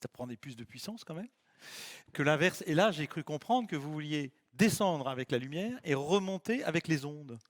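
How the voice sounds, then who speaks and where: A man's voice: a little high, lively intonation, moderate pace. A man moderating a panel, asking questions in a chatty, informal way.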